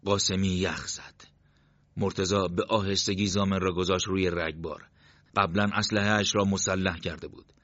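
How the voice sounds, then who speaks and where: A man with a fairly low voice reads a story in a steady, measured narration. The recording is dull and lo-fi, with a dry, close sound. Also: no room sound. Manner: steady, measured literary reading. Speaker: audiobook narrator. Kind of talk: scripted narration.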